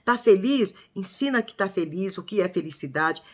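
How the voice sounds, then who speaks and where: A woman's voice: mid-range voice, animated, normal speed, husky. An older woman from Brazil talking casually to her viewers, acting out quoted speech with emphasis. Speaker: vlogger.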